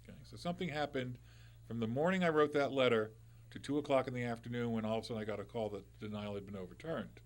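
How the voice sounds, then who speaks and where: A middle-aged man with a loud mid-range voice talks fast while hosting a live call-in radio show on a studio mic. He chats loosely, circling back through restarts and little asides.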